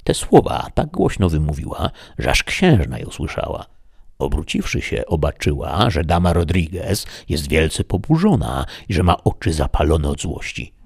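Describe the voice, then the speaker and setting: Deep-voiced male audiobook narrator. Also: big pitch swings, moderate pace, vocal fry, slightly rough, dry recording, studio quality. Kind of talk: scripted narration of a classic novel.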